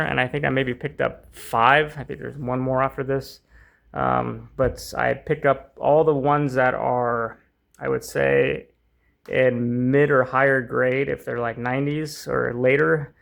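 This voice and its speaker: Gravelly, rambling man. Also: medium pitch, fairly bright tone. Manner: rambling, many fillers and restarts. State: hot and tiring, voice strained. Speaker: comic book channel host. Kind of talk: casual unboxing chat.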